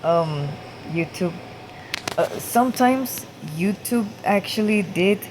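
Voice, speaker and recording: A woman vlogger talking casually and hesitantly, with many pauses, fillers and restarts. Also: medium pitch, expressive. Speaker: gaming vlogger. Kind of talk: casual talk to camera. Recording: noisy room with air conditioning hum.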